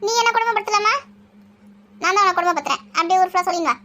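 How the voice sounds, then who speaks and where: With a very high voice, a woman portrays a scolding, taunting mother-in-law in a village family skit, nagging sharply and snapping back with quick retorts.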